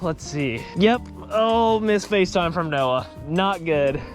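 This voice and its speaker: A man's voice: high voice, expressive, measured pace, soft background music. A young man talking casually to camera in an outdoor fishing vlog, easygoing, jokey and slangy. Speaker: fishing challenge vlogger.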